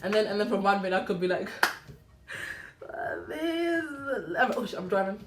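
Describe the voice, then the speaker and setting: A woman's voice: medium pitch, rapid-fire, background noise. Chatty woman in an echoey room. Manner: warm, chatty, animated, full of "you know". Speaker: podcast host. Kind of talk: casual faith podcast monologue.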